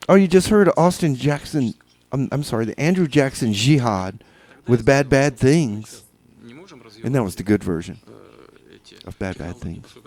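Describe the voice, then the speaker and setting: A man with a medium-pitched, darkish voice hosts a radio show, rambling through casual DJ patter. His delivery is halting and tongue-in-cheek, put on in a mock-official way.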